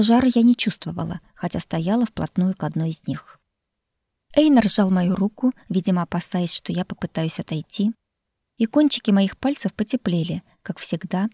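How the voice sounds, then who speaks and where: A woman's voice: fairly low pitch, vocal fry, warm tone, breathy edge, no room sound, clean studio sound. Woman narrating an audiobook wryly. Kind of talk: first-person audiobook narration.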